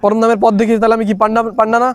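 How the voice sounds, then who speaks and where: Man, high voice, spiritual teacher, coaxing, prompting answers, dry close sound. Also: monotone, very fast, dry recording. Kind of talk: leading a spiritual class with questions.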